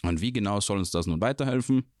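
A man voicing a big gruff male warrior, blunt and grumbling, in a curt manner for a fantasy audiobook. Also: on the low side, quick pace, darkish tone, no echo, studio quality, close to an everyday voice.

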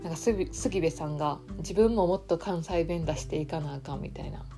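A woman with a Kansai accent hosting a casual solo podcast as a coach, talking in a relaxed, chatty way with soft fillers. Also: low voice, brisk, creaky, soft background music.

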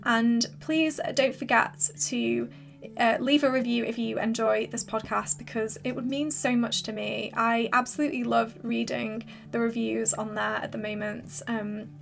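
A woman hosting a solo podcast with casual, rambling, encouraging advice, her voice slightly hoarse as if she is losing it. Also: on the high side, fairly even intonation, moderate pace, soft background music. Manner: informal, filler-heavy, rambling encouragement. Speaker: podcast host and creative business coach.

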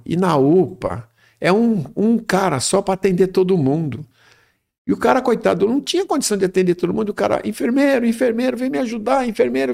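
This is a middle-aged man recounting a personal memory in an easygoing, meandering way. His voice sits a little high for a man and has a gravelly, creaky texture. He strings his thoughts together loosely and keeps tossing in a questioning "right?". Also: darkish tone. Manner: rambling, tags phrases with "né?". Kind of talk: casual storytelling.

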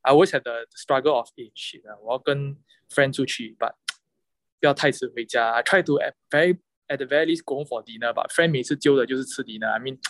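A Singaporean man talks casually in Singlish, sliding between English and Mandarin with local particles. His pitch is mid-range and his phrasing halting. The sound is very dry. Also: a bit bright, dry recording, low-quality recording. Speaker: podcast guest. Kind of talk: casual chat.

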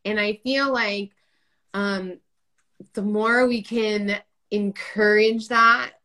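Over a video call, a woman hosts a casual interview, chatty and playful as she acts out little quotes. Her mid-range voice has a sharp tone, fairly even intonation, and a slow pace.

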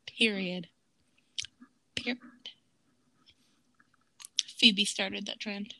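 A woman's voice: mid-range voice, fairly even intonation, drawn-out words, creaky, sharp tone, no echo. A woman in her thirties co-hosting a casual rewatch podcast, chatty and laughing, acting out quotes. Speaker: podcast co-host.

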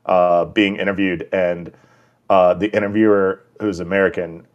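A man co-hosting a casual podcast chat, talking in halting bursts with many restarts and ready laughter. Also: deep voice, level tone, dull audio. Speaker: podcast co-host.

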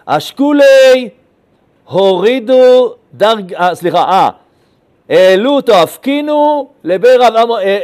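High-voiced rabbi telling a Talmud story. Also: male voice. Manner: animated storyteller, swings between loud and hushed; addresses listeners with questions. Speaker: rabbi teaching a class.

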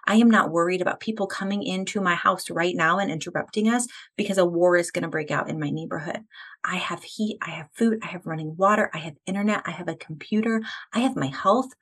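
A woman in her thirties from the United States, a podcast guest talking earnestly and with growing passion about faith, at times close to tears. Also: lowish voice. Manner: earnest and passionate, building to emotional fervor. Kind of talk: faith-focused podcast conversation.

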